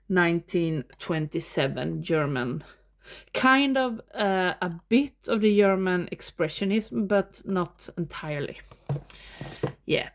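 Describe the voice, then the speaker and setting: A Swedish woman with a Swedish accent gives a relaxed show-and-tell of her film collection at home. She talks slowly and unhurriedly in a fairly low voice, and she laughs often between remarks. Her first language is Swedish, though she speaks English here. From Sweden. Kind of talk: casual show-and-tell vlog. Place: home room with movie shelves.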